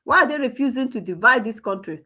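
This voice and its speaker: A woman delivers heated political commentary in a fairly high voice. She hammers her points home by repeating rhetorical questions and scolding her listeners. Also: expressive, quick pace, bright, forceful tone. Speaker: online commentator.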